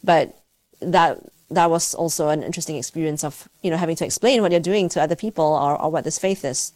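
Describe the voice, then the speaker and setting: A Malaysian scientist and university teacher answers interview questions in a reflective, conversational way. Her low voice is a little mellow, with no room sound, and she speaks haltingly and thoughtfully, searching for words as she goes.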